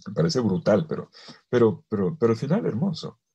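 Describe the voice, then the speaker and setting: A priest teaching theology to a remote audience, his voice low, dark and a little husky. He moves from forceful emphasis down to near-whispered phrases. He slows right down on the words he wants to land. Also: very animated, highs cut off. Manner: swings between loud emphasis and soft, almost whispered phrases; stretches key words slowly for weight. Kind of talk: theology lecture to a virtual audience.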